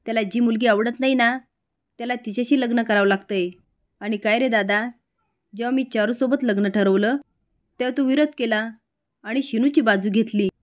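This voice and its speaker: A woman's voice: fairly high pitch, moderate pace, lightly acted. A woman voicing an angry middle-aged village mother who scolds and accuses her brother. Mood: scolding.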